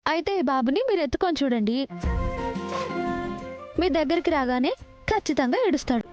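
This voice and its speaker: A woman's voice: high voice, expressive, fairly quick, dull audio, music in the background. An actress playing a cheerful young wife who teases her husband in a TV serial. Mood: teasing. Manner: playful, teasing. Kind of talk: TV serial acting.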